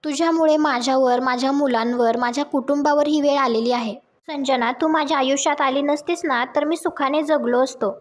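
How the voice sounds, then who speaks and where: A woman reading out the lines of a furious middle-aged husband who blames his wife for ruining his life, in her own high voice. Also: steady tone, normal speed, few pauses, lightly acted.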